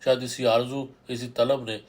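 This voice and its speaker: A man's voice: mid-range voice, flat delivery, a little mellow. A man narrating a horror novel in the first person with a brooding, reflective delivery.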